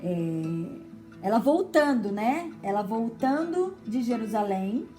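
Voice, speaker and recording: A woman's voice: on the high side, sing-song, takes it slowly, soft background music. A woman with a Brazilian Portuguese accent giving a conversational sermon to mothers, often checking in with her listeners. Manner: chatty teaching tone with frequent tag questions. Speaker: women's ministry preacher.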